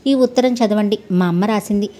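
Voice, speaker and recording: A woman's voice: medium pitch, brisk, mellow, lightly acted. Woman reading a mild-mannered young man asking favors of his elders. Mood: polite. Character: young male lodger and suitor, polite.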